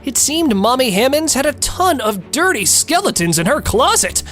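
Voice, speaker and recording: Animated, cheeky woman narrator over music. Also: high voice, normal speed. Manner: theatrical, cheeky, melodramatic. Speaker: show narrator. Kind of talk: gossipy scripted recap narration.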